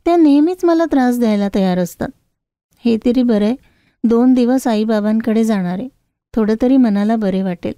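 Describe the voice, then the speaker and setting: A woman's voice: fairly high pitch, moderate pace, warm tone, clear, resonant tone, dry recording, clean studio sound, natural voice. A woman doing a meek young daughter-in-law. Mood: prayerful. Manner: pleading, apologetic.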